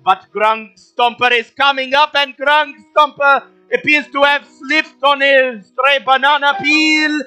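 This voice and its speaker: A man voicing an excited male race announcer whose voice is magically amplified, calling the race loudly as a game master. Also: a little slow, few pauses, faint music behind, full character voice. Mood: excited commentary. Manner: high, shouted, excited play-by-play calls. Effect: loud, amplified announcer voice.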